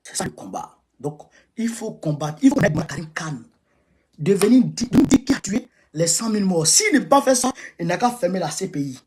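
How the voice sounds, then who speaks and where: A man's voice: sits high, sing-song, normal speed, darkish tone, a little hiss or hum. A man from Côte d'Ivoire, rallying his followers from home in an emphatic, repetitive live-stream talk. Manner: emphatic, repeats phrases, exhorting. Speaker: livestream host rallying supporters. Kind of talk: casual live-stream address.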